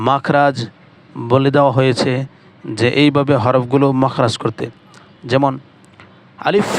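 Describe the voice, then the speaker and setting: A man teaching Arabic letters for the Quran, pronouncing each letter slowly and carefully, then explaining with a Bangladeshi accent. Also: medium pitch. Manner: drawn-out, careful letter-by-letter pronunciation. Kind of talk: slow recitation lesson of Arabic letters.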